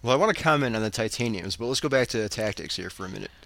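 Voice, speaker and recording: A man's voice: on the low side, expressive, very fast, gravelly, fairly bright tone, no echo. A man co-hosting a casual chat in a blunt, unimpressed, slangy way. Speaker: podcast co-host.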